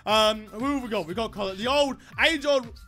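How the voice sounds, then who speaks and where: A man's voice: sits high, normal speed, pushed and bright, soft background music. An Australian man in his twenties giving casual, sweary gameplay commentary with exasperated, sarcastic ranting. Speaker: gaming video host.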